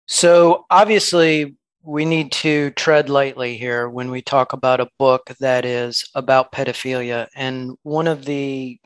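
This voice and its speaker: A man co-hosting a podcast, talking about a novel in a measured, thoughtful way. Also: medium pitch, little pitch movement, clear, resonant tone, dry recording. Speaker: podcast co-host. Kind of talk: casual literary discussion.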